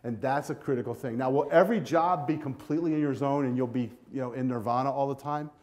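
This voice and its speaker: An older man with a medium-pitched voice talks fast as the keynote speaker addressing students in a hotel ballroom with a seated audience. Wearing a lapel mic, he speaks energetically and directly, animated as he walks the stage holding a clicker.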